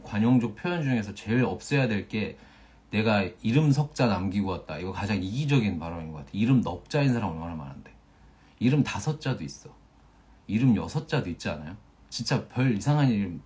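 A man's voice: lowish voice, darkish tone. A young man in his twenties casually chatting on a phone livestream, playfully reading out viewer usernames and joking when he stumbles over them. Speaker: actor hosting a fan livestream.

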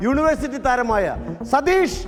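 A man compering a comedy stage show, announcing each act in a brisk way. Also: very high-pitched, expressive, music in the background. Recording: echoey stage hall.

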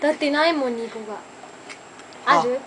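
A woman's voice: high-pitched, moderate pace, fairly bright tone. A woman in a playful, teasing casual chat at home, recorded on a handheld camera. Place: home room, indoors. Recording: noisy home video.

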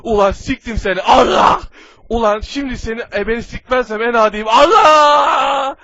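Man voicing a combative foul-mouthed cartoon hero, very high voice, crude slangy hollering, parody dub, dull dry audio. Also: steady tone, a little fast, a bit bright, no room sound. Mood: furious. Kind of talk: amateur comedy parody dub.

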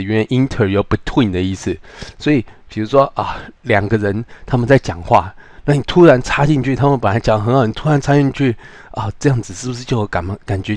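A man with a Taiwanese Mandarin accent teaching English word roots, asking rhetorical questions and slowing down on English words. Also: medium pitch, no echo. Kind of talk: vocabulary lesson.

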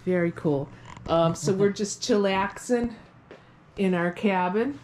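Middle-aged woman, unhurried casual vlog chat, informal enthusiastic wording, noisy handheld recording. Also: medium pitch, darkish tone. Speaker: vlogger. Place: outdoor forest trail, later small cabin kitchen. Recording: noisy handheld action-camera audio.

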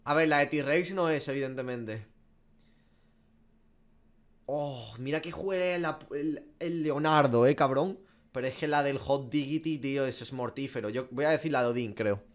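In a small room, a young man from Spain streams himself guessing game skins, his mid-range voice at normal speed and his Spanish accent clear. He swears constantly, stays animated, and pokes fun at himself.

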